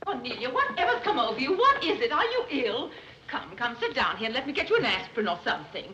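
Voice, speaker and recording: A woman's voice: high voice, very animated, fast talker, bright, forceful tone, heavily acted. A middle-aged actress playing a flighty, chattering society mother in 1930s screwball comedy banter. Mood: fretful. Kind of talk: 1930s film comedy acting. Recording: dull, noisy 1930s film soundtrack.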